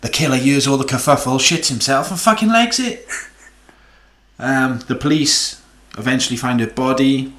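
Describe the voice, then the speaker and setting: A man's voice: mid-range voice, normal speed, a bit bright, reverberant. A man casually recapping a film on a podcast, swearing, laughing often and acting out the scenes. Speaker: podcast co-host.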